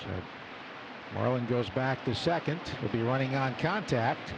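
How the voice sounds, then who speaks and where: Broadcasting live from a stadium booth, a man delivers radio play-by-play of a baseball game in a mid-range voice, a little slow and with vocal fry. Loud ballpark noise fills the background.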